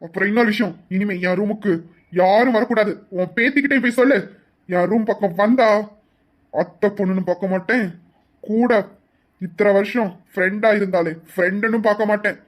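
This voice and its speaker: A performer playing a young husband in an audio drama, hard and stern, laying down firm warnings to defend his wife. Mid-pitched and steady. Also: fairly quick, natural voice. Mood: angry. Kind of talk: amateur Tamil audio drama.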